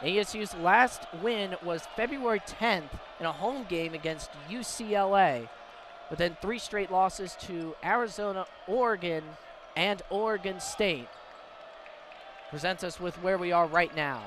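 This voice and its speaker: An American man calls live radio play-by-play for a basketball game, his high voice unhurried. The broadcast carries clear background noise: the crowd, game ambience, and a bouncing ball.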